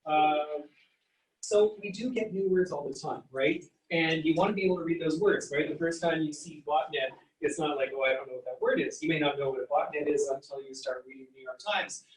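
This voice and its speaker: A man's voice: a little high, steady tone, fairly quick. A man giving a university psychology lecture, explaining step by step and sounding out letters and words. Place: lecture hall. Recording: echoey room, mic at a distance.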